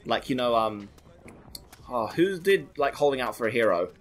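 A man's voice: mid-range voice, lively intonation, moderate pace. A man playing a video game on a let's play, commentating casually and making wry, dry jokes. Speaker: let's play co-host and player. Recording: voice over game music.

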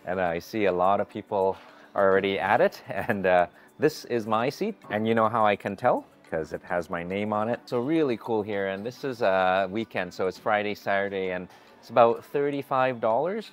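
A man in his forties giving an upbeat, chatty food vlog while walking through a hotel buffet restaurant. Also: lowish voice. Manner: upbeat, chatty, often greets staff warmly. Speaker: food vlogger. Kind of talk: casual vlog narration.

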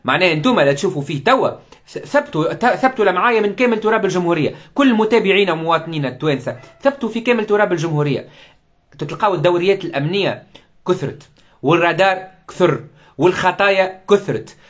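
Tunisian guy ranting live, talks super fast, voice a bit high, keeps asking angry rhetorical questions. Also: animated, a bit bright. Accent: Tunisian Arabic. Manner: mixes in French words. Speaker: political commentator. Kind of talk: live monologue commentary.

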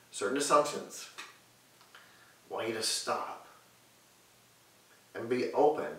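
Seated on a living-room sofa, a pastor in his thirties preaches and prays with earnest, measured, repetitive phrasing. His voice is medium-pitched and slightly bright, picked up by a distant camera mic in an echoey room with faint hiss.

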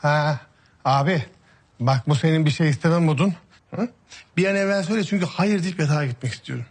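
A wary younger brother, fast talking, husky, slightly high. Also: male voice. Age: young adult. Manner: quick, wary bargaining. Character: young brother Sadık, sulky and wary, man.

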